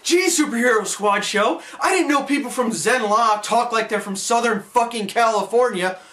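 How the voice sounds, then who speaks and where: A man reviewing a cartoon in a sarcastic, exasperated comedic rant that swings into shouting. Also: very high-pitched, normal speed, soft background music.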